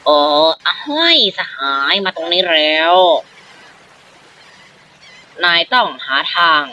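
An excitable man narrates his game in a bright, sharp voice. He bounces between playful commentary and little role-played exchanges, voicing his own jump sounds as he goes. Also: high voice, normal speed, muffled recording, a little hiss or hum. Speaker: gaming channel host.

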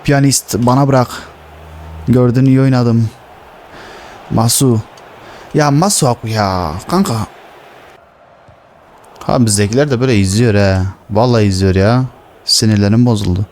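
A young man commenting on his own football video game, swearing and shouting at the players. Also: mid-range voice, measured pace, long pauses, a little hiss or hum. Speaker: gaming streamer.

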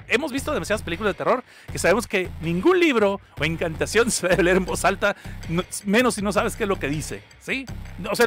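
Mexican male podcast host, high, fast, crude and rambling movie recap. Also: a bit bright. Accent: Mexican Spanish. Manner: crude, joking, rambling, self-correcting. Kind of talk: casual livestreamed movie recap.

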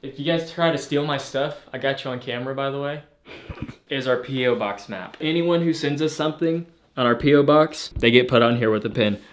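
A young man tours viewers through his house in a relaxed vlog, cracking jokes and talking straight to the camera. His voice is mid-pitched and easygoing. He is recorded indoors as he walks between rooms. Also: a little fast, a little hiss or hum. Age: young adult. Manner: joking, laid-back, talks to viewers directly. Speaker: vlogger. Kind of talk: casual home-tour vlog.

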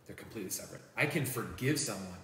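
A man's voice: lowish voice, animated, quick pace, gravelly, bright, forceful tone, distant mic, a little hiss or hum. A man who is a pastor, talking about his faith in earnest and acting out what people said. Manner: earnest storytelling, quotes people aloud. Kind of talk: casual faith chat. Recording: roomy, echoey, from off the mic.

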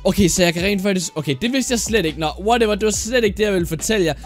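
Guy with a high voice chattering thru a minecraft let's play, lots of uhs, faint music behind. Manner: chatty and excitable, trails off with many fillers. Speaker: YouTuber. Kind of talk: casual Minecraft gameplay commentary.

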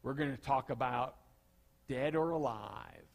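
Southern man preaching slowly. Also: medium pitch, vocal fry, long reverb tail. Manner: emphatic preaching, repeats key phrases. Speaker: pastor. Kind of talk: sermon.

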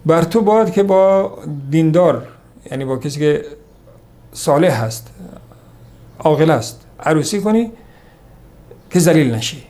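A man giving a religious lesson on hadith, reciting Arabic quotations slowly, then explaining them in a conversational lecturing way. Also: fairly high pitch, expressive, dark tone. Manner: conversational lecturing, repeats points. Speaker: religious teacher. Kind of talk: sermon on hadith.

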